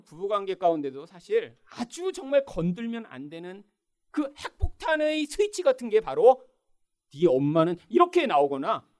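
A male pastor preaching a sermon, asking rhetorical questions and acting out quoted lines. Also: high voice.

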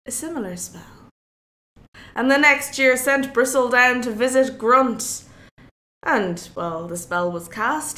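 Irish woman telling an old folk tale slow and playful, echoey room. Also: a little high. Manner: lively, playful asides to listeners. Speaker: storyteller. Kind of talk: oral storytelling of a folk tale.

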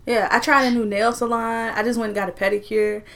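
A woman's voice: a little high, level tone, brisk, creaky. A woman in her twenties co-hosting a podcast, talking casually and informally with plenty of slang. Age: 20s. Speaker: podcast co-host. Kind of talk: casual chat.

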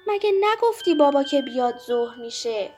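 A woman's voice: high-pitched, expressive, a little mellow, faint music behind. A woman voicing an eager, hungry little girl who keeps asking questions in a children's story. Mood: impatient. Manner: pleading, insistent questions.

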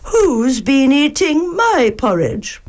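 Woman doing a soft, soothing mother bear. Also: high voice, sing-song, takes it slowly, pitched above the performer's own voice, exaggerated voice. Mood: gentle. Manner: soft, sympathetic. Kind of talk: storybook reading.

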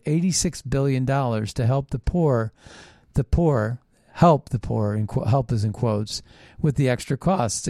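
With a dark tone in the middle of his range, a political talk show host rants conspiratorially, reading his written posts aloud and weighing in on them. Phrases get repeated for stress, and the sound is clean studio audio without echo.

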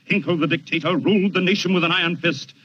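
A man's voice: sits high, steady tone, fast, fairly bright tone, slightly rough. A man narrating a 1940s film in a declaiming newsreel style, from a muffled old soundtrack. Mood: grave.

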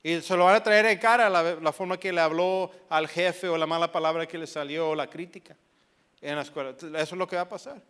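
High-voiced man preaching emphatically. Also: fairly even intonation, brisk, a bit bright, clear, resonant tone. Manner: emphatic preaching with rhetorical questions; slips into English phrases. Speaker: pastor. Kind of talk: sermon.

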